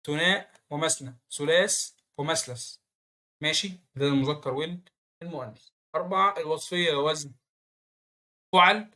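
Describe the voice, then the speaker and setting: A man with an Egyptian accent teaching Arabic grammar, quizzing the viewer with quick rhetorical questions. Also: on the high side, bright, forceful tone. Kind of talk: online grammar lesson.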